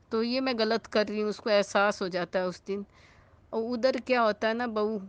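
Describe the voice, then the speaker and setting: A woman's voice: medium pitch, dry recording. A woman telling a spiritual moral story in a conversational way, often checking in with her listeners. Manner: conversational, with frequent tag questions.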